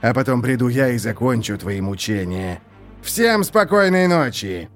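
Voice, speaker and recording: A man's voice: mid-range voice, expressive, unhurried, soft background music. A man voicing a scheming, mocking male prison warden who gloats in a theatrical, mock-polite way.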